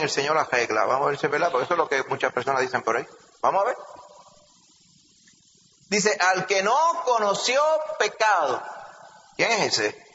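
Forceful Puerto Rican pastor preaching. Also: male voice, fairly high pitch, slight background noise. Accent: Puerto Rican Spanish. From Puerto Rico. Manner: animated preaching, rhetorical questions, calls listeners "hermano". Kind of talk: sermon. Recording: echoey hall, slightly dull sound.

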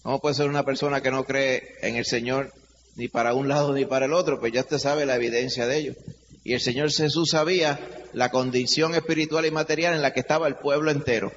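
Higher-voiced preacher in a reverberant hall. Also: male voice, a bit bright. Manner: checks in with listeners, "verdad?" and "amen". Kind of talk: interactive Bible study sermon. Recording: reverberant hall, dull lo-fi sound, faint noise.

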